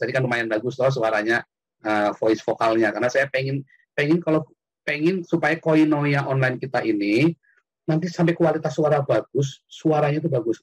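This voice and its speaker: A man hosting an online call-in, preaching casually and answering a caller with animated, lively delivery. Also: slightly rough. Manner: animated, jumps high when quoting or shouting. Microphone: computer mic on an online call.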